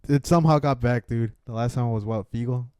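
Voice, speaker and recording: A man with a dark, mellow voice chats about football on a podcast, loose and profane, tossing in "dude" as he goes. His voice sits in a middle register and is recorded dry and close. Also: medium pitch, a little fast, clean tone, no room sound. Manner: relaxed, swears casually, says "dude" often. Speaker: podcast co-host. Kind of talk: casual sports chat.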